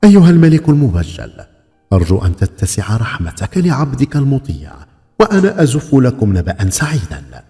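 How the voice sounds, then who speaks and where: A man voicing an eager, deferential vizier in a folk tale, with formal, flattering address. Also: medium pitch, fairly quick, big-room sound, soft background music, close to an everyday voice. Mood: joyful, deferential. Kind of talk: folk tale character acting.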